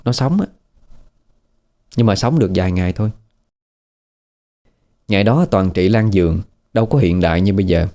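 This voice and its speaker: His voice sits low with a dark tone, moving at normal speed and pausing often. Speaking with a Southern Vietnamese accent, he tells a horror story casually and chattily, regularly asking the listener questions.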